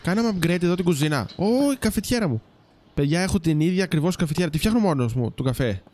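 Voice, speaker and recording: A man's voice: on the high side, expressive, a little mellow, a little hiss or hum. A man giving casual let's-play commentary, chatting to viewers and teasing the game's characters. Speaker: gaming YouTuber.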